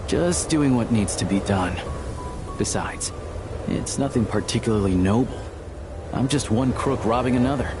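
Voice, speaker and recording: An actor playing a sly, unflappable outlaw hunter in a video game, with a wry, nonchalant, conversational delivery. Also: male voice, medium pitch, moderate pace, lightly acted. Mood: nonchalant, assured. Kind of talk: scripted video game voice acting. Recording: music behind the voice. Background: music.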